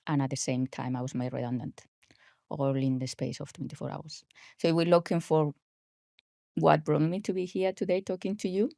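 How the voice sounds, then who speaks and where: A health coach in her forties who grew up in Spain appears as a podcast guest, speaking with a Spanish accent in a casual, hesitant interview full of fillers. Her deep, mellow voice is steady with vocal fry at a moderate pace, captured in clean studio sound without echo.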